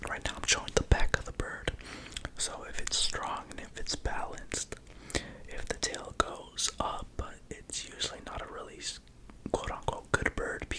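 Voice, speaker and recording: A person whispering an ASMR narration in a hushed, secretive way, like a hobbyist presenting prized animals. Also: measured pace, low-quality recording. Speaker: racing pigeon keeper presenting own birds.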